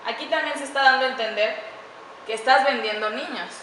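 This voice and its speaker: A woman explains grammar mistakes in a measured, classroom-presentation style, slowing down to spell out each example sentence. Her voice is bright and somewhat high. The room around her is echoey, with a faint background hum. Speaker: student presenter.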